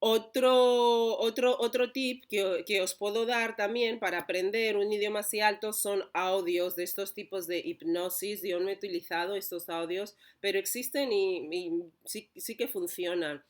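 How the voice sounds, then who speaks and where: A woman with a Spain Spanish accent talks straight to camera in a loose, chatty monologue of advice. She stumbles and restarts often, tags her points with quick checks for agreement, and her pitch sits in an ordinary middle range. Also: steady tone. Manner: chatty, many restarts, keeps asking "¿vale?". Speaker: channel host and coach.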